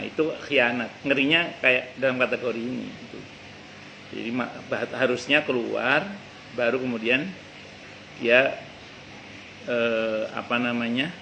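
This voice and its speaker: Man teaching with a gravelly voice. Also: mid-range voice, sharp tone, a little hiss or hum, poor audio. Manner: conversational, repeats points, quotes Arabic verses. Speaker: religious teacher. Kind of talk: mosque study-circle lecture. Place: cafe.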